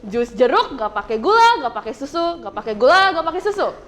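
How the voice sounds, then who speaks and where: A woman's voice: high voice, big pitch swings, fairly quick, fairly bright tone. A girl voicing a fussy middle-aged woman customer who whines and shrieks her demands over and over. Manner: whiny, shrieking, repeating herself.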